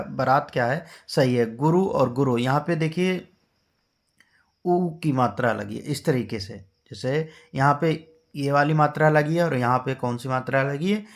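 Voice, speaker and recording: A man's voice: mid-range voice, gravelly. A male teacher giving an exam-prep spelling lesson, patiently drilling each word and quizzing his class with rhetorical questions.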